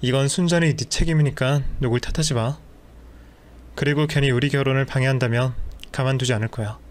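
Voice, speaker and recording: Man reading a cruel cheating husband, mid-pitched, scornful, dismissive, audio story. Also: fairly even intonation, fairly quick, lightly acted.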